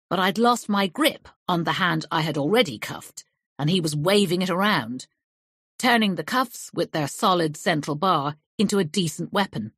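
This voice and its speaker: A woman's voice: fairly low pitch, fairly bright tone, slightly rough, dry recording, studio quality. A woman narrating a crime novel audiobook, shifting her voice lightly for the characters' lines. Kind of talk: scripted narration.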